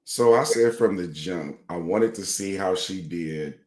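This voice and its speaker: A man's voice: deep voice, measured pace, a little mellow, reverberant. A man co-hosting a podcast while sick, his voice scratchy, talking casually about politics. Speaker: podcast co-host.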